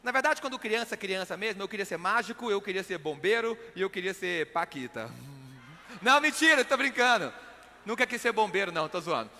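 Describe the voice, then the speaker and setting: Very bright, high-voiced Brazilian stage comedian, male. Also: lively intonation, a little fast, slight background noise. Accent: Brazilian, from Minas Gerais. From Belo Horizonte, Brazil. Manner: conversational showman, repeats for emphasis. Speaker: magician, comedian and motivational speaker. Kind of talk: comic stage talk to an audience. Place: on stage in a hall. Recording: reverberant hall sound.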